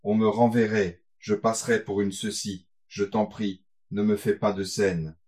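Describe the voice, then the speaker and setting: A man's voice: fairly low pitch, little pitch movement, a little slow, darkish tone, slightly rough. A man reading as a pleading young woman. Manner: imploring, plaintive.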